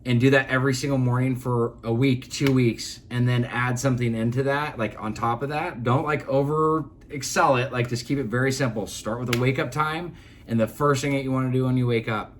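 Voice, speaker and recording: A man's voice: mid-range voice, fairly even intonation, a little fast, a little hiss or hum. A man co-hosting a casual podcast chat, talking earnestly and rambling with many fillers and restarts. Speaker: podcast co-host.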